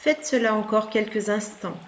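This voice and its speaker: A yoga nidra teacher with a mid-range voice guides a meditation, her gentle, soothing instructions unhurried and separated by long pauses. Running water and noise sit behind her on a slightly dull, lo-fi recording.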